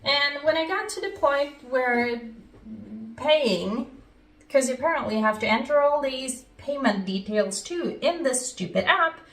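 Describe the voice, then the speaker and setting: A woman from Norway tells a casual story-time tale in a high voice, laughing often between phrases. She talks at an unhurried pace. The recording is roomy, with the mic set some way back from her. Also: lively intonation. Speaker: vlogger. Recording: roomy echo, mic at a distance.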